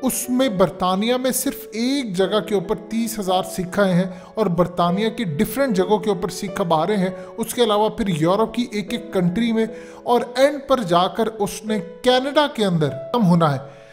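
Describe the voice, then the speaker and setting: Male political commentator, pitched high, emphatic lecturing delivery, soft music bed. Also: moderate pace. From Pakistan. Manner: emphatic, lecturing, repeats "dekhiye".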